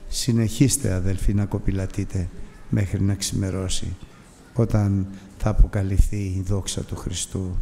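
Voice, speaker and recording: Fervent male preacher with a Greek accent, gravelly delivery, sermon recorded in a reverberant church hall with faint noise. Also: flat delivery, dark tone. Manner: fervent preaching with sudden high-pitched peaks. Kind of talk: Sunday sermon.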